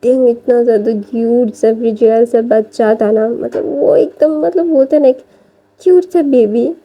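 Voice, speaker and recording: A woman retells a fan story in a casual, chatty way, full of fillers and restarts. Her voice sits fairly high and the recording sounds dull and lo-fi. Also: normal speed. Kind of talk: casual fan-fiction narration.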